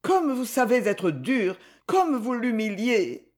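A woman's voice: on the high side, big pitch swings, unhurried, pitched above the performer's own voice. A woman reading the part of a timid, sensitive young woman, pleading and reproachful. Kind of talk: audiobook novel reading.

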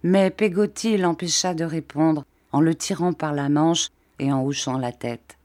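A woman narrating a classic novel in a steady, measured audiobook reading. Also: deep voice, dry recording. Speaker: audiobook reader.

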